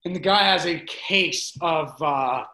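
A man's voice: a little high, slow, sharp tone, low-quality recording. Rambling, profane man telling a story. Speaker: guest, fitness mentor. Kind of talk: casual chat.

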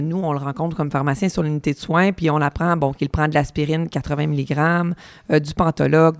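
A woman podcast host with a Quebec French accent and a hoarse, gravelly, raspy voice, introducing and interviewing. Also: low-pitched, dry recording, clean studio sound.

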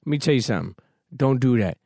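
Talking fast and with animation, this man hosts a podcast, giving a forceful pep talk laced with casual profanity ahead of introducing his guest. His medium-pitched voice is creaky yet mellow, captured in studio quality with no echo.

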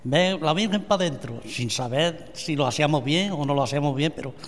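A man's voice: fairly high pitch, brisk, slight background noise. An older man from Andalusia telling stories in a radio interview, stumbling and repeating words as he goes. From Andalusia, Spain (La Rambla, Córdoba). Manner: hesitant, repeats words, homely storytelling. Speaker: vice president and founding member of a brotherhood. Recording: reverberant room.

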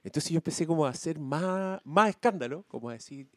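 A man with a Chilean accent telling an animated, slangy story among podcast co-hosts, swearing freely. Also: on the high side, brisk, dry recording, clean studio sound. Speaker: podcast co-host. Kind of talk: casual storytelling chat.

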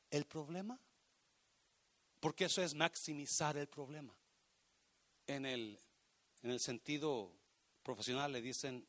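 A man preaching a sermon as pastor, emphatic and repetitive, rising to loud shouts and slipping English phrases into his Spanish. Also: mid-range voice.

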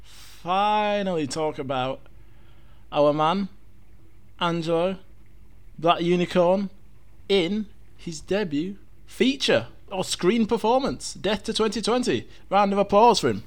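Teasing podcast host. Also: male voice, high-pitched, animated, takes it slowly. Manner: laughing, teasing, says "mate" a lot. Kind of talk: casual podcast chat.

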